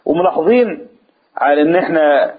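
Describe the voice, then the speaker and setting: A man with an Egyptian accent giving a religious lesson, stretching out recited verses slowly and then rushing through explanations. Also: a little high, expressive, husky, phone-quality sound. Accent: Egyptian Arabic. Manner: explanatory, slow drawn-out recitation then fast asides. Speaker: Quran tafsir teacher.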